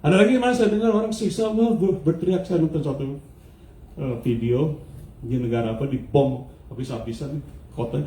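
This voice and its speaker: A male pastor preaching a lively sermon, switching between Indonesian and English and putting questions to the congregation. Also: on the high side, normal speed, a little hiss or hum. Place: church hall. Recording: echoey church hall, mic at a distance.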